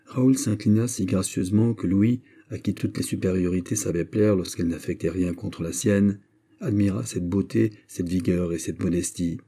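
A man reading a classic novel aloud as audiobook narrator, in a measured, steady way. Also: low voice. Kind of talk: scripted literary narration.

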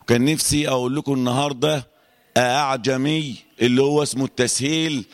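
A man with an Egyptian accent teaching Quran recitation rules to a class, quizzing students and chanting verses slowly to demonstrate. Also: medium pitch, steady tone, long reverb tail. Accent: Egyptian Arabic. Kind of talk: classroom lesson on tajweed.

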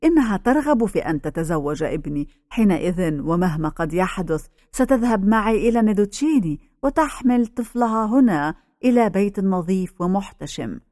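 A woman's voice: mid-range voice, lively intonation, a little fast, mellow, no echo, studio quality, lightly acted. A woman reading a grave old male pastor. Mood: gentle. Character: aging male village pastor, grave and stern.

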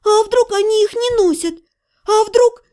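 Woman voicing a sharp-tongued young mage. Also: very high-pitched, fairly even intonation, a little slow, pitched above the performer's own voice. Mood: indignant. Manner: heated, sarcastic retorts. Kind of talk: audiobook character voice.

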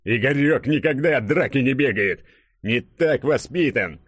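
A man reading an audiobook, voicing a brash burly young man who boasts and jokes loudly. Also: mid-range voice, expressive, moderate pace, slightly rough, no echo, clean studio sound, pitched above the performer's own voice. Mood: defiant. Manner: loud, swaggering, joking. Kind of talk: audiobook character voice.

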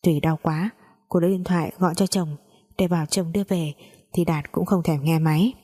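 Warm low-voiced woman narrating a story. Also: steady tone, fairly quick.

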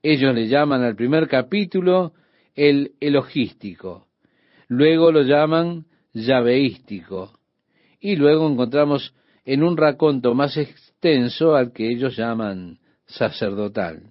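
A man's voice: mid-range voice, expressive, takes it slowly, dry recording, muffled recording. A man teaching a Bible study on the radio, explaining steadily and speaking directly to the listener.

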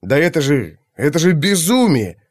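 A rough mercenary sergeant who blusters and shouts his replies, pitched higher than the narrator's own voice as a man puts him on. It is a storybook reading recorded dry and close. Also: sing-song, moderate pace, no echo. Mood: excited. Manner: blustering, exclaiming.

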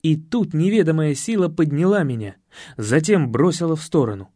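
A man narrating an audiobook with lively, expressive storytelling. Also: a little high, normal speed, no room sound, clean studio sound.

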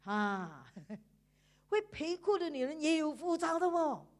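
A woman preaching a sermon in church, animated, with frequent laughter and emphatic sentence endings. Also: high voice, takes it slowly.

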